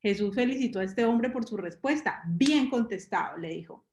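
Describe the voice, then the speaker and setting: Woman preaching with a fairly high voice in a roomy hall. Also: animated, normal speed, darkish tone. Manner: asks the listeners rhetorical questions, everyday examples. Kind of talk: conversational sermon. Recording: roomy echo.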